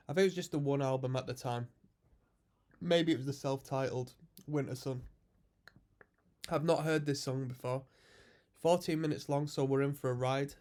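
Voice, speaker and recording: A music reaction host with a stuffy cold talks casually while reacting to a metal song, musing on what the guitars and synths are doing and explaining the music terms. His voice sits on the high side, with a smooth, darkish tone, and he sounds congested.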